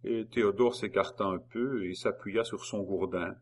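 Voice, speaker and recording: A man reading a novel aloud in an even, measured narration. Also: on the low side. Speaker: audiobook narrator.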